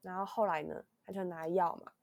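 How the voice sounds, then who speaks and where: A woman's voice: lowish voice, fairly even intonation, fairly quick, vocal fry, a little mellow. A young woman with a Taiwanese Mandarin accent, a podcast host, tells a rambling story in a weak voice from illness, full of restarts. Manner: rambling, with many restarts, acting out quotes. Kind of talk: casual chat storytelling.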